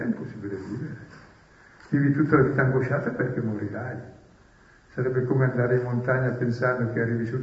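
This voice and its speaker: A man's voice: mid-range voice, darkish tone. A man preaching on scripture in a roomy space, heard from a distance. He explains with rhetorical questions and a dry, wry humour. The recording sounds dull and muffled. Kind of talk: spoken Bible commentary.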